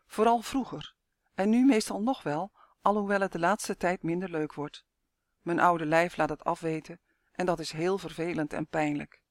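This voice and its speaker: A man reading aloud, voicing a kind, frail old woman of eighty who speaks calmly and soothingly. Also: high voice, moderate pace, no room sound, studio quality, natural voice. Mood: resigned. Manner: calm, soothing, gently wise.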